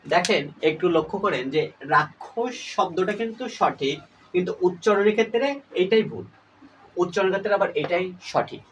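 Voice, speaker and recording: A man's voice: high-pitched, fairly quick, a bit bright. A man teaching a lesson to his students, who repeats each point and quizzes his listeners. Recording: voice a little far from the mic, faint room noise.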